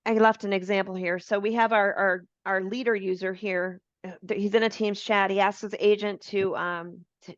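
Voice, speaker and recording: A woman co-hosting a business webinar, walking through software features step by step in a friendly, informal way over a video call. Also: mid-range voice, dry recording, highs cut off. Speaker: webinar co-presenter.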